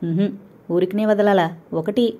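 A tender young husband who speaks kindly and softly to his wife, as a woman narrator voices him. The tone is warm and mellow. It is an everyday storybook voice. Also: medium pitch, fairly even intonation, measured pace, lo-fi sound, lightly acted. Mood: gentle. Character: gentle, affectionate young husband.

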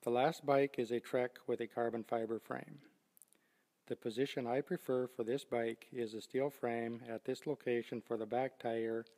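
An older man giving a steady, scripted step-by-step demonstration of loading bikes onto a rack. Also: medium pitch, big-room sound. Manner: steady, methodical step-by-step explaining. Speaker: product demonstrator. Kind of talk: scripted instructional narration.

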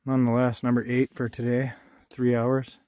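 Here a Canadian man in his thirties narrates his shed antler hunt across wooded, rocky hills, enthusiastic and folksy with plenty of slang. His medium-pitched voice is dark and completely flat at a moderate pace, recorded handheld outdoors with clear background noise.

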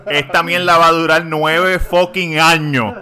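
A man, co-hosting a casual podcast and telling crude, animated stories. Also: fairly high pitch, unhurried, a crowd in the background. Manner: animated, profane storytelling. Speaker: podcast co-host. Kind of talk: casual chat.

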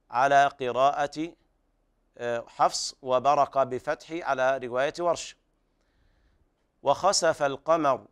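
A middle-aged man teaching Quran recitation on a television lesson, explaining each rule in a measured way before he chants the verse. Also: mid-range voice, clear, resonant tone. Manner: explains tajweed rules, then slowly chants verses as examples.

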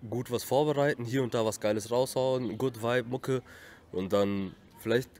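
A man's voice: medium pitch, moderate pace, darkish tone. A young rapper, a man with a Russian accent, chatting casually in an interview. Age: young adult. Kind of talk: casual interview chat with slang. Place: outdoors in a leafy park. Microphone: shared handheld interview microphone. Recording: faint outdoor background noise.

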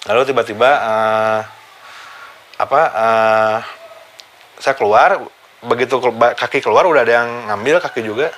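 A man's voice: medium pitch, moderate pace, pauses often. Guy vlogging a story, chatty, chuckles, faint noise behind. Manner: animated, chuckles while telling, acts out the quoted voices. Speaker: vlogger recounting his accident. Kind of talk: casual first-person storytelling.

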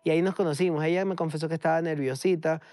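Lively Ecuadorian man, laughing storyteller. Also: on the high side, racing, dry recording. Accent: Ecuadorian Spanish. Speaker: guest. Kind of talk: casual interview chat. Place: TV studio.

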